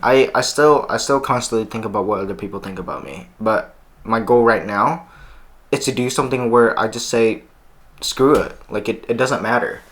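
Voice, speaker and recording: A man's voice: medium pitch, normal speed, fairly bright tone. A teenage boy hosting a podcast, talking earnestly and often repeating words as he restarts. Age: teens. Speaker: podcast host. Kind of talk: casual chat.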